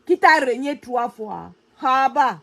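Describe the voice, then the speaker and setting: A woman's voice: high-pitched, animated, slow pace, vocal fry, a bit bright. A woman co-hosting a live stream, chatty and teasing, gossiping and repeating her phrases. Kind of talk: heated casual live stream chat.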